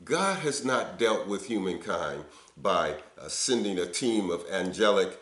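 Older man, pastor, webcam sermon in a roomy office, low-pitched, earnest and conversational. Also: animated, measured pace, fairly bright tone. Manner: earnest, conversational preaching with frequent uh fillers. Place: indoor office before window blinds.

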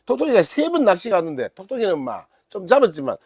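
Casting older Gyeongsang man in his sixties, lively, sing-song delivery, fairly high voice, jokey self-promoting rod maker who talks about himself in the third person. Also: fast talker, slightly rough, no room sound. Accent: Gyeongsang Korean. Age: 60s. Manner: jokey, calls himself by nickname, bantering with himself. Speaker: fishing rod maker and seller. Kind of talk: casual product talk to camera.

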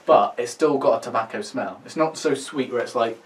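A man's voice: medium pitch, brisk. A British man in his twenties co-hosting a review video in casual, bantering chat. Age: 20s. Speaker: co-host of a pipe tobacco review video. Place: small indoor room. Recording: distant mic, faint room noise.

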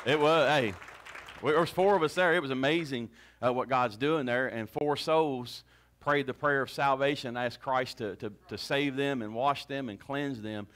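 Some chatter can be heard behind a male pastor who, handheld mic in a small church, urges on his congregation with passionate restarts ahead of a testimony. His mid-range voice is a bit bright and moves at a moderate pace, recorded from a far camera.

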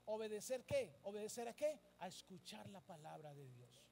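A man's voice: high voice, big pitch swings, moderate pace, gravelly, dark tone, a little hiss or hum. A male pastor preaching a sermon to his congregation, emphatic, asking them questions and repeating phrases. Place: church service.

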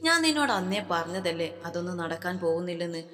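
A woman voicing a worried older woman who pleads for quiet, in a storybook reading. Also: lowish voice, sing-song, fairly quick, big-room sound. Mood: anxious. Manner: pleading, hushed.

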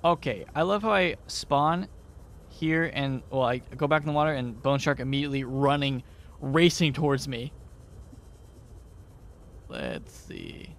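Gravelly man narrating his gameplay. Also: medium pitch, expressive, a little slow, pauses often. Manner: chatty, thinking aloud, unsure. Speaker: gamer. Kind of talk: let's play commentary.

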